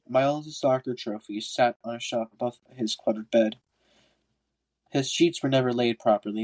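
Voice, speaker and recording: A podcast host with a congested, stuffy nose reads a book aloud amateur-audiobook style, occasionally stumbling and rereading. His voice is medium in pitch with a darkish tone.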